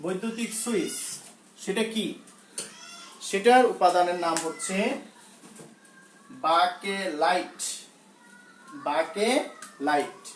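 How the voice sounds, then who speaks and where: A male school teacher with a Bangladeshi Bengali accent giving a science lesson, slowly repeating key terms for students and often pausing with fillers and self-corrections. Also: sits high, reverberant, a little hiss or hum, poor audio.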